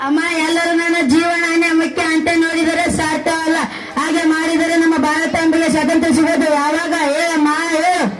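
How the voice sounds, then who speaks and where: A man's voice: extremely high pitch, moderate pace. A young performer in a school play, voicing a defiant young revolutionary who consoles his mother with impassioned speeches. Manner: declamatory, impassioned, flat singsong delivery. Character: defiant young male revolutionary facing execution. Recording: echoey hall with a crowd behind.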